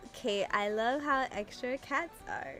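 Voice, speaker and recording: A young woman with a slightly high, pushed and bright voice streams a game from her room at a measured pace, soft music playing underneath. It's casual livestream chat on a desk mic, exasperated and chatty, full of "like."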